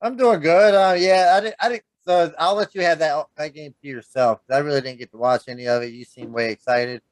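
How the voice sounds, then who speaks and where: A man's voice: on the high side, brisk, dry recording. A man co-hosting a fantasy football podcast, talking in a laid-back, hesitant way and laughing easily. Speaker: podcast co-host. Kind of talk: casual sports chat.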